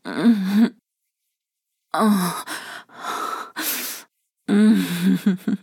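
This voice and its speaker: A woman in an intimate ASMR roleplay, speaking in a soft murmuring whisper with hums and sighs. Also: medium pitch, drawn-out words, vocal fry, slightly rough, no echo, clean studio sound. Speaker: roleplay narrator.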